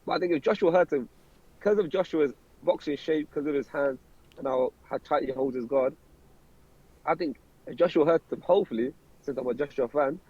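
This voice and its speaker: Fast-talking young boxer. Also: male voice, a little high, darkish tone, husky, muffled recording. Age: 20s. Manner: fast, rambling, repeats words when starting sentences. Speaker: professional boxer, interview guest. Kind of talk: casual interview chat.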